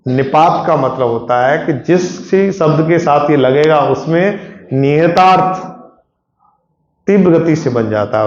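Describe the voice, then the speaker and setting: A man's voice: fairly high pitch, a little mellow. A man teaching Hindi grammar to a class, explaining patiently and checking often with questions. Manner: explains patiently, asks students frequent questions. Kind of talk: classroom lecture. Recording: echoey classroom, dull lo-fi sound.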